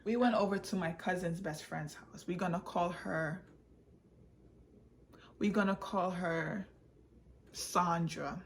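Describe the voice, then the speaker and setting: A woman with a fairly low-pitched voice tells her personal story slowly and casually, leaving long pauses, repeating phrases for emphasis, and slipping into Patois. She's a vlogger and author born in Jamaica and raised in England and the United States, and a little hiss or hum can be heard.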